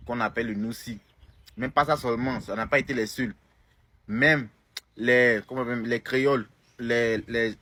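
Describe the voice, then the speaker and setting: A young content creator from Côte d'Ivoire, with an Ivorian French accent, replies to a comment in a casual video. His voice is medium-pitched and a bit bright, and he speaks emphatically, often repeating or restarting phrases.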